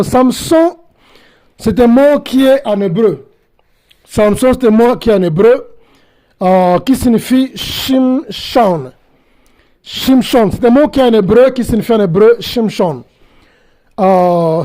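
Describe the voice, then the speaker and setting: A male Bible teacher delivering a sermon with a high, mellow voice. He pauses often and repeats key phrases as he explains them. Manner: hesitant, many pauses and repetitions.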